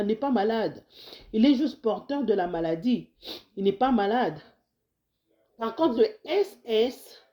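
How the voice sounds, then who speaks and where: With a voice a little on the high side and the highs cut off in the recording, a US-based Congolese health video host addresses the camera casually. A cold makes her slightly hoarse; she offers warm exhortations to viewers, restarts frequently, and mixes in Lingala phrases.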